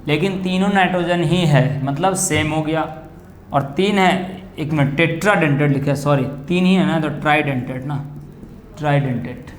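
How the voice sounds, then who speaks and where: High-voiced man teaching chemistry. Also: reverberant, a little hiss or hum. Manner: questions and answers himself, drawn-out key terms. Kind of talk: classroom lecture on coordination compounds.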